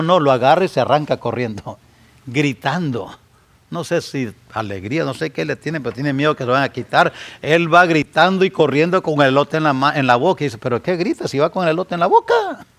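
A middle-aged man from Central America with a Central American Spanish accent, preaching a sermon, his voice dropping to soft asides and then rising to loud, high exhortation. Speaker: pastor.

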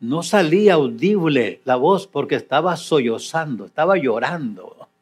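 An older man preaching a sermon as pastor, reading scripture and then commenting on it with dramatic swings between loud emphasis and quiet asides. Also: a little high, lively intonation, a little slow, slightly rough.

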